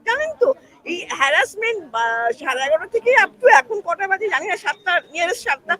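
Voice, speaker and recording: Emphatic man, very high lively voice. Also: fairly quick. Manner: emphatic, repeating words. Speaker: resident in queue. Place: outdoors on a street.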